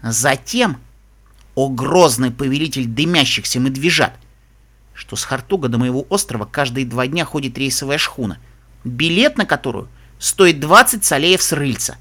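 A sharp-tongued young unicorn mare, sarcastic and mocking, speaking in a bright, lively voice, as a male narrator puts her on. She needles her companion with dry storybook venom. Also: mid-range voice, moderate pace, pitched below the performer's own voice. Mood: explaining.

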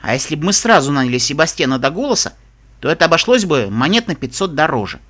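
A man reading an audiobook, voicing a sharp-tongued young unicorn mare who mocks and teases. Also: a little high, sing-song, fast. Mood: explaining. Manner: sarcastic, mocking.

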